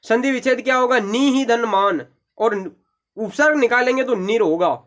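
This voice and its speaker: A man's voice: extremely high pitch, normal speed, a bit bright. A man teaching Hindi grammar for exam preparation, patiently breaking down each example word step by step and addressing viewers directly. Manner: addresses viewers with "देखिए" and "भाई". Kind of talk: explanatory exam-prep lesson.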